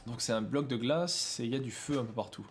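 A young man giving casual gaming commentary as a let's play streamer, excitable, shouting and yelping at the game. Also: medium pitch, fast talker, a little hiss or hum.

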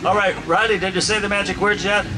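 A man's voice: sits high, fairly even intonation, fast, rough recording. A man performing as a kids party magician outdoors, talking to his audience like a playful showman full of mock amazement. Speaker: children's magician and musician, host of the show. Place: outdoor park lawn under trees. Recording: outdoor PA, music and crowd noise behind.

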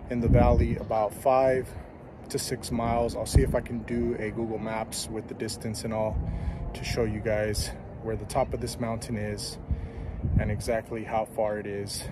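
Testing radios on a mountaintop after dark, a vlogger in his thirties chats casually to camera over a headset mic. He speaks in a mid-range voice, relaxed and plain, with frequent ums and background noise.

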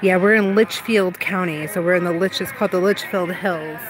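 A woman's voice: on the low side, normal speed, noisy background. A woman in her thirties, chatting casually in a live vlog and answering viewers on her phone, outdoors at a vineyard. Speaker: vlogger. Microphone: phone held at arm's length. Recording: pop music playing outdoors behind. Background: pop music.

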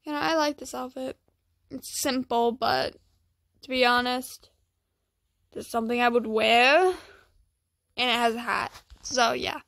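Quiet, sleepy high-voiced young woman. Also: creaky, no echo, clean studio sound. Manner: quiet, hushed, so as not to wake someone asleep. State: tired, just woken up, dry-throated. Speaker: gaming vlog host. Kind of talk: casual gameplay chat. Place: indoors at home.

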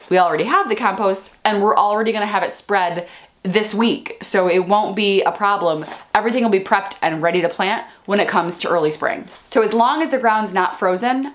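Chatty woman flower farmer vlogging. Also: medium pitch. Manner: chatty and enthusiastic, with some ums. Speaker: flower farmer and channel host. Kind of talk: casual vlog talk. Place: sunny room indoors by glass doors.

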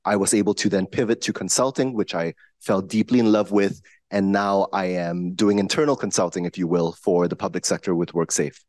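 A man from Singapore on an alumni panel in a lecture hall, measured and articulate. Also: deep voice, fairly even intonation, darkish tone, studio quality. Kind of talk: answering on a live panel. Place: large university lecture hall.

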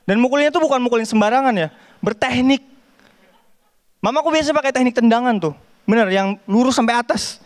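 Brief: young man, very high voice, animated stand-up with sound effects, TV stage. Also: a little fast, long pauses. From Kalimantan, Indonesia. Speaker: stand-up comedian. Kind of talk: stand-up set. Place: TV studio stage with audience.

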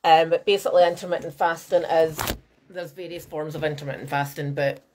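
In a rough recording with slight background noise, a woman with a low voice talks briskly. She's a nutrition coach giving a live-stream masterclass over her laptop webcam mic from a small home room, chatty and animated, gesturing plenty and welcoming viewers by name.

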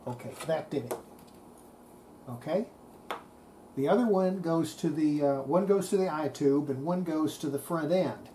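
The speaker is an older woman with a low-pitched voice, talking a little slowly and leaving long pauses. She mutters casual commentary to herself while restoring a radio at a cluttered indoor workbench, recorded in a noisy workshop.

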